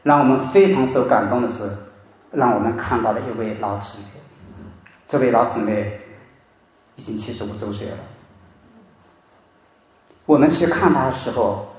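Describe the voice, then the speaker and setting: A man preaching a sermon, telling a story with emphatic rises and soft drops in his voice. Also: medium pitch. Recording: very echoey room.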